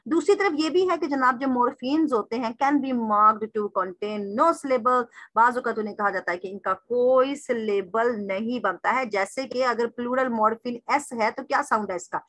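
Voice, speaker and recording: Woman teacher, lecture, high-pitched, dry, formal address, self-answered questions, slow repeated examples. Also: fairly bright tone, no room sound. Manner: asks and answers her own questions; repeats and spells out example words slowly. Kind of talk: recorded lecture reading through a text.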